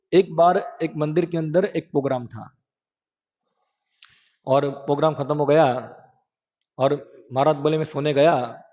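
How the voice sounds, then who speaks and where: A man's voice: a little high, a little mellow, big-room sound. A man in his thirties giving a conversational sermon, often asking his listeners a question and answering it himself. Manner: conversational, asks the audience questions and answers them. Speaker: preacher.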